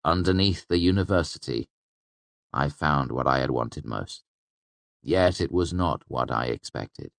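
A calm, weary innkeeper with a deep, measured voice, as the narrator plays him. He speaks dryly and unhurried, recorded close and dry. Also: creaky, no echo, full character voice. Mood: reflective.

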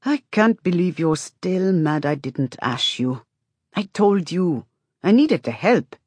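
A woman's voice: lowish voice, lively intonation, slow, a little mellow, breathy edge, no echo, full character voice. A woman voicing a long-suffering, plain-spoken woman leader in audiobook dialogue, exasperated and candidly scolding.

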